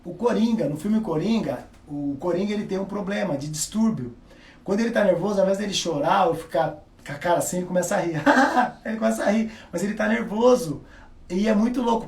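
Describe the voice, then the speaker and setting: A man giving a casual, animated live-stream talk to viewers, laughing often and speaking to them directly. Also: high voice, recorded from a distance. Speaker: self-improvement speaker. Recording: echoey room, voice a bit off-mic.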